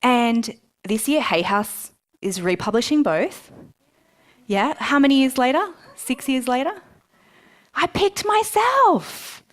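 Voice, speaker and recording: Her voice is on the high side and a little slow as she addresses a live audience in an event room at a book launch. The motivational talk is lively and chatty, with self-mockery and asides where she quotes her own past thoughts.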